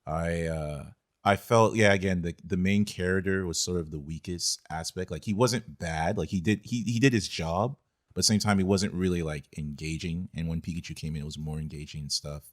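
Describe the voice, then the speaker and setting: In a voice that sits low and moves a little fast, a man co-hosting a podcast discusses films in a casual, chatty style.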